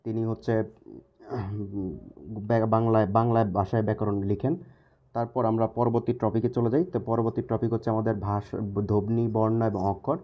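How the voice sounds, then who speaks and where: Male teacher, deep-ish voice, patient and repetitive, dull lo-fi recording. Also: flat delivery. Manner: repeats key words slowly, asks checking questions. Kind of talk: casual recorded lesson.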